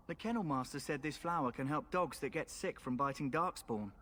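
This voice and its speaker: A man's voice: a little high, a little fast, a bit bright, a little hiss or hum, natural voice. An actor playing a wry young male soldier companion in a video game, speaking with dry, sardonic asides.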